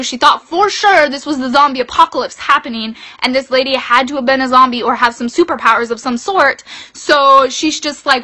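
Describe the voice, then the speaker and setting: A woman's voice: high-pitched, bright, forceful tone. A young woman telling a story in a casual vlog, chatting along with a lot of "like". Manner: chatty, fills with "like". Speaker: vlogger.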